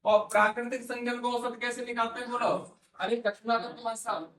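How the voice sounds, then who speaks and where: A man's voice: extremely high pitch, level tone, fairly quick, a bit bright. A man with a teaching a maths class, quizzing students and repeating their answers. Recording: echoey room, voice from far off mic.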